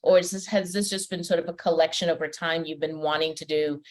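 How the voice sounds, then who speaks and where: A woman's voice: low-pitched, steady tone, fast, darkish tone. A woman from Trinidad and Tobago hosting a podcast interview, chatty and welcoming, with frequent fillers. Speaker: podcast host and personal development coach. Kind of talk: conversational interview.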